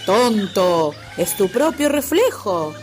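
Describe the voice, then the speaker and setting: A woman's voice: mid-range voice, slow, faint music behind. A woman voicing a cheerful, teasing male elephant in a storybook. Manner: teasing, lively.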